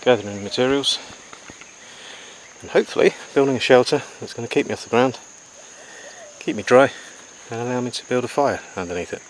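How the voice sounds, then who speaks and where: A man's voice: medium pitch, fairly quick, low-quality recording. A man recording a casual survival diary outdoors in the jungle, explaining things to camera in an unscripted, methodical, matter-of-fact way. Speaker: survival diarist presenting to camera. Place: outdoors in jungle beside a river. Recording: faint insect noise, outdoor jungle ambience. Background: jungle ambience with crickets and insects.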